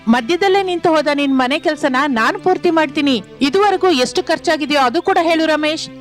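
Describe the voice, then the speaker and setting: A woman's voice: sits high, fairly quick, soft background music, natural voice. A woman voicing an arrogant, wealthy male builder who talks down to others in a cartoon story. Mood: mocking. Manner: mocking, condescending.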